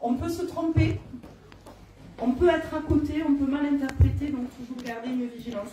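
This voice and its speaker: Female medium, southern French accent, very soft mellow tone, informal live address, roomy distant recording. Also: high-pitched, fairly even intonation, normal speed, faint music behind. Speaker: spirit medium. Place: indoor hall at a live-streamed event. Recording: echoey room, distant mic.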